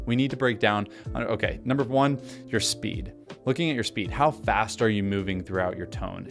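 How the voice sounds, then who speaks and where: A man giving an energetic instructional talk to camera, coaching people on speaking, deliberately shifting his speed and pitch for emphasis. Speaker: presenter teaching on-camera speaking.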